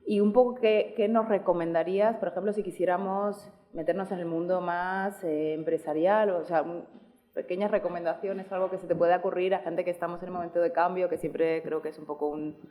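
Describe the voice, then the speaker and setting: A woman's voice: on the low side, fairly even intonation, fairly quick, mellow. Woman moderator opening questions. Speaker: session moderator.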